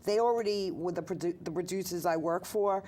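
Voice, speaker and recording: A woman's voice: lowish voice, a little fast, mellow, far from the mic. Casting director guest, woman, chatty and laughing, recorded a little away from the mic. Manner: chatty, laughs often, repeats words. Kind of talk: casual interview.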